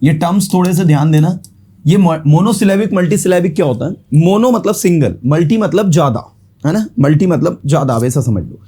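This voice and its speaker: A man's voice: a little high, expressive, a little fast, dark tone, slightly rough. Man teaching grammar. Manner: explains in Hindi mixed with English, repeats words syllable by syllable. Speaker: English teacher. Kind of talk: classroom grammar lesson at a board.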